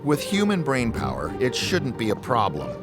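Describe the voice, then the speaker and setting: A man's voice: medium pitch, huge pitch swings, normal speed. Guy doing nature documentary narration, really varied intonation, music playing under him.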